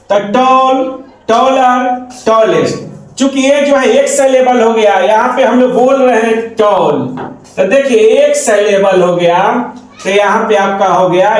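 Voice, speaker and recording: Hindi-accented guy teaching grammar, keeps repeating stuff and quizzing himself, echoey room. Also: very high-pitched. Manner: repetitive, asks and answers his own questions. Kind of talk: classroom lesson explaining grammar.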